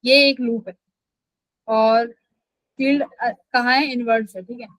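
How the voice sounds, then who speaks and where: A woman's voice: on the high side, fairly even intonation, measured pace, fairly bright tone, dry recording, rough recording. A woman teaching a live online physics class, asking questions and answering them herself, and scolding students who skip class.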